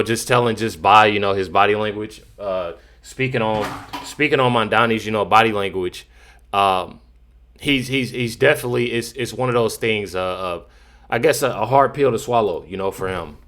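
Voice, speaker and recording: A man's voice: fairly low pitch, normal speed, fairly bright tone. A man giving casual, unscripted commentary in a rambling, repetitive way, leaning often on filler phrases. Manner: rambling, repeats himself, frequent "you know". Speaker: commentator reacting to news clips.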